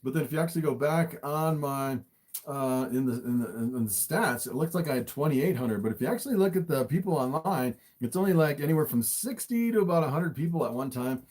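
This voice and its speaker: A man's voice: a little high, expressive, brisk, darkish tone. A man hosting a casual livestream as an animal keeper, easily amazed and chatting to viewers as he shows his animals. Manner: easily amazed, often chuckling between remarks.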